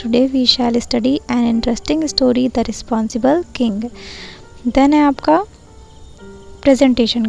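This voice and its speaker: High, gravelly-voiced woman explaining a lesson plan. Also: a little mellow. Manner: repeats "look here", switches between Hindi and English; reads quoted English lines slowly and deliberately. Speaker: teacher-training tutor.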